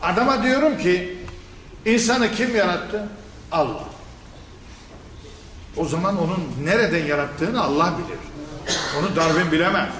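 A man giving a Quran commentary lesson as a sermon, animated and scolding, firing rhetorical questions and laughing in scorn. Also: sits high, normal speed, pauses often, slight background noise. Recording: echoey hall with faint ambience.

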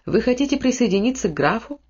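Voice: medium pitch, very animated, fast talker, darkish tone, husky, pitched above the performer's own voice. A reader voicing a loyal, earnest old servant who reassures his niece, on a dull lo-fi recording. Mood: reassuring. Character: loyal old Breton servant, steady and caring.

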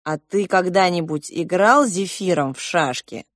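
A woman voicing a sharp-tongued, sarcastic child companion who teases and quarrels. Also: lowish voice, unhurried, no echo, clean studio sound, close to an everyday voice. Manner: sarcastic, teasing.

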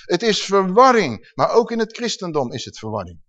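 A man's voice: high-pitched, very animated, brisk, fairly bright tone. A male preacher giving an emphatic sermon and asking the congregation questions. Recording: dull lo-fi recording.

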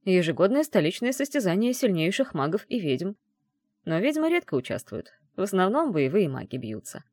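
A woman's voice: lowish voice, big pitch swings, normal speed, a little mellow, no room sound, clean studio sound. A woman voicing an offhand male mage who explains things in a matter-of-fact way.

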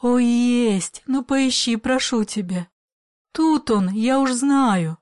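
A woman voicing a stern old grandmother who pleads in a hush and shouts firm orders, in a dry storybook reading. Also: fairly high pitch, slow pace, dry recording. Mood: hushed pleading. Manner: whispering pleas, then firm shouted commands. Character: old grandmother, fearless yet afraid of cockroaches.

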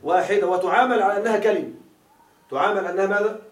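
A man with a high-pitched, racing voice teaches a grammar class, quizzing his students with repeated questions while he explains. The room is echoey and the mic is far off.

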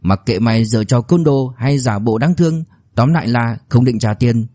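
A man narrating a novel as an audiobook in a brisk storytelling manner. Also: mid-range voice, dark tone, dry recording, clean studio sound.

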